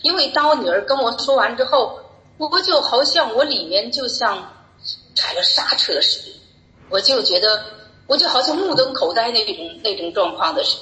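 Bright-voiced middle-aged woman sharing a faith testimony. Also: a little high, expressive, moderate pace. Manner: earnest, repetitive storytelling. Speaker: church member giving a testimony. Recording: echoey room.

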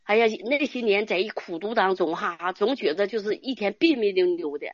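In a muffled recording with no room sound, an older churchwoman speaks at a moderate pace in a medium-pitched voice with lively intonation. Her casual religious testimony is earnest and rambling, and she tends to end phrases with small tag particles.

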